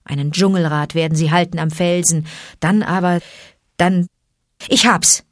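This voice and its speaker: Wise protective panther, low and hushed, read by a woman; dry close sound. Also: normal speed, no echo. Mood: confiding. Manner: calm, low and confiding, urgent at times. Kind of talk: audiobook character reading.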